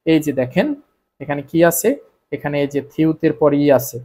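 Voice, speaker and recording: A man's voice: fairly high pitch, moderate pace, warm tone. A Bengali-speaking man teaching Korean spelling rules, repeating each point and answering his own questions. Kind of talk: explaining grammar rules to students.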